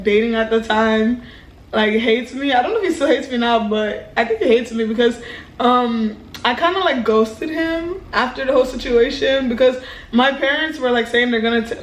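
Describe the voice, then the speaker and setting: A young woman from a Nigerian family telling a storytime vlog in a lively, animated way, acting out quotes with exclamations. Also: on the high side. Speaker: vlogger. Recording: roomy echo.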